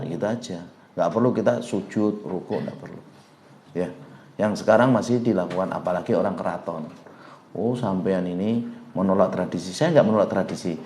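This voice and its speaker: Echoey man preaching. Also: medium pitch. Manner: lively, acts out quoted dialogue and recites Arabic. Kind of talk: religious lecture.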